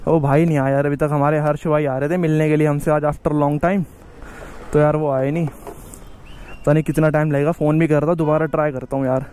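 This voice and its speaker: A man's voice: a little high, level tone, a little fast, a little mellow. A young man chatting casually to the camera in his moto vlog, outdoors on a city street with friends. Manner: chatty, calls friends "bhai" and "yaar". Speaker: vlogger.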